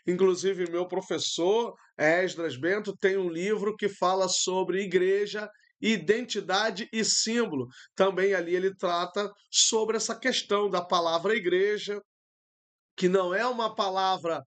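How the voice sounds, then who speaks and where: A middle-aged Brazilian man, a pastor and Greek teacher, giving a patient, explanatory online Bible lesson over a computer mic, pausing often with fillers. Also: high-pitched, fairly even intonation, a bit bright. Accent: Brazilian Portuguese.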